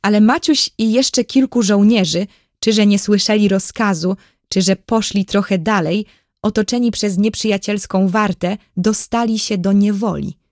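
A woman narrating a children's story as an audiobook in a clear, measured storytelling manner. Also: mid-range voice, darkish tone, no echo, studio quality.

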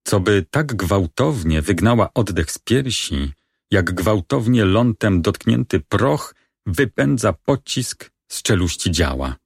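Guy reading a despairing young lover, really deep gravelly voice, super slow. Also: very animated, dry recording, studio quality, heavily acted. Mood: grimly persuasive. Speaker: reader of a play. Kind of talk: dramatic reading of a stage play.

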